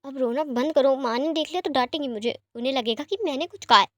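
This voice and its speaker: A woman's voice: sits high, dry recording, studio quality, natural voice. A woman voicing a doting, teasing young man who speaks fondly and reassuringly, in a fan-fiction story reading. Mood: soothing. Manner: fond and reassuring, sometimes quick.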